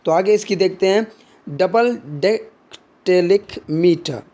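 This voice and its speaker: A man's voice: high voice, slow, dark tone. A man teaching literary terms, explaining in Hindi and mixing in English terms, with frequent fillers and restarts.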